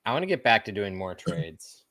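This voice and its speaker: A man co-hosting a casual podcast chat, easygoing and trailing off softly at the ends of his phrases. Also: on the low side, big pitch swings, moderate pace, no room sound. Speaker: podcast co-host.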